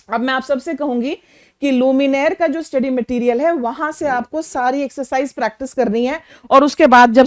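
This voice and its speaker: Woman teacher with a high, bright voice; quizzes her class and checks they follow, slowing to spell out words. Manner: asks students questions and often checks with "okay" and "clear"; slows down to spell and define words in English. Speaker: English vocabulary teacher. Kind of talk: Hinglish classroom lesson.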